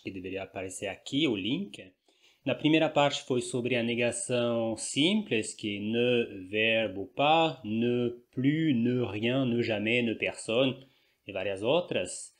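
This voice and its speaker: A native French-speaking man with a medium-pitched voice teaches a language lesson explaining grammar. He repeats example phrases slowly, carefully and deliberately, switching between explanations in Portuguese and in French.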